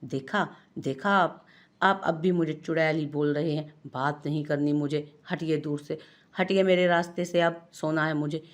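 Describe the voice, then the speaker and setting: A woman's voice: deep voice, moderate pace, lightly acted. A woman with an Urdu accent voicing a young bride who pouts and sulks in mock anger at her husband. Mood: mock-angry. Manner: mock-angry, pouting. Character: young bride, sulky and quick to pout.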